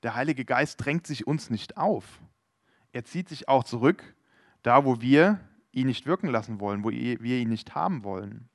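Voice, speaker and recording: A man's voice: mid-range voice, lively intonation, moderate pace, no room sound, studio quality. A man preaching a sermon, explaining scripture and earnestly addressing his listeners directly.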